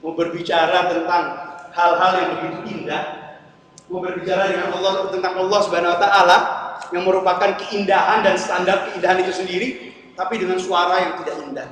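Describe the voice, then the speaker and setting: A man's voice: high voice, little pitch movement, fairly quick, fairly bright tone. A man giving a religious lecture to an audience, teaching in a didactic way and often checking that listeners follow. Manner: didactic, keeps checking with the audience by asking "ya kan?". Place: large lecture hall at a congress. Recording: very echoey hall from far off, faint noise.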